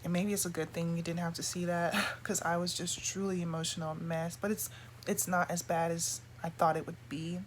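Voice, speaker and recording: A woman's voice: lowish voice, level tone, moderate pace. A woman vlogger chatting casually to camera in a rambling, confiding way. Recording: clear background noise.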